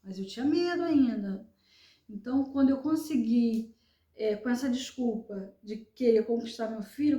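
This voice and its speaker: A Brazilian woman giving an earnest personal testimony, retelling events in a halting, repetitive way. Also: fairly high pitch, dark tone, reverberant, lo-fi sound. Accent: Brazilian Portuguese. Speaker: survivor telling her story.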